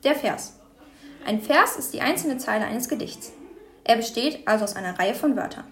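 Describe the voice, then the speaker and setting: A woman's voice: fairly high pitch, expressive, a little fast, a bit bright. Woman reading definitions in an echoey room. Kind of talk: scripted educational narration.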